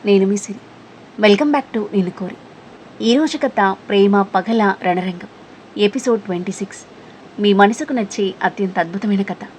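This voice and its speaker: A woman host reading a serialized romance story aloud in a steady, expressive scripted narration. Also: medium pitch, slight background noise, low-quality recording.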